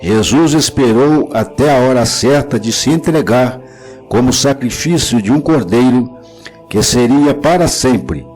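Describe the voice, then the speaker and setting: A man giving a solemn, measured devotional narration with scripture readings. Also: mid-range voice, animated, a little mellow, soft background music, low-quality recording.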